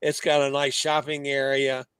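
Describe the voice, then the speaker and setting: A man's voice: mid-range voice, level tone, moderate pace, a bit bright, clear, resonant tone, no room sound. A man chatting casually as a guest who shares his travel experience. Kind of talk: casual chat.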